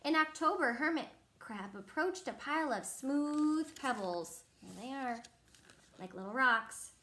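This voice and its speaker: A young woman reading a picture book aloud to a child, animated and pausing to ask questions. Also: high voice. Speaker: reader to a child.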